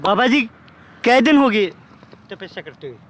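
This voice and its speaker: A man's voice: sits high, big pitch swings, normal speed, fairly bright tone. A man hosting an on-location vlog and eagerly talking to his viewers. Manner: eager, addresses viewers directly. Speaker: vlogger host. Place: outdoors at a fire-ritual site.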